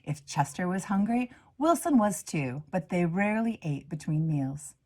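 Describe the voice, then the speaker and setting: Expressive woman reading a children's storybook, lively pitch. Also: moderate pace. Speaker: reader, minister. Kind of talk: children's storybook read-aloud.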